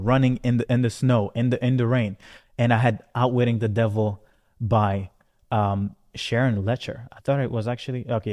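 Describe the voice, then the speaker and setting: Speaking in a fairly low, dark voice, this entrepreneur tells his life story to camera as a motivational talk, recalling his birth in Rwanda and his move to Canada at thirteen. He stays conversational and emphatic, dropping check-in questions such as "right?", and heavy, hall-like reverb hangs over everything.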